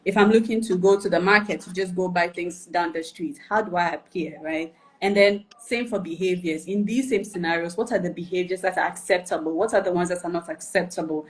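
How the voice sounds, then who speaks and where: Speaking fairly quickly with hardly any pauses, a woman with a lowish voice gives personal branding coaching in a live video chat. Her patient explanations are dotted with checks like "right?" and "okay?", and she develops ideas by repeating questions and enumerating.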